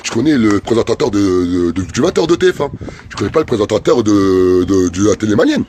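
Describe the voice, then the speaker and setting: Fast-talking impassioned French activist man. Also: fairly low pitch, big pitch swings, darkish tone, a little hiss or hum. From France. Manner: fervent, repetitive, rising emphatic bursts. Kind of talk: impassioned political speech.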